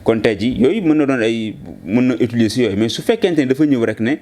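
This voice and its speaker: A man, arguing political points quickly in a discussion, mixing in French. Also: mid-range voice, animated, a little mellow. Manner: fast, argumentative, mixes French into Wolof. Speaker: political commentator.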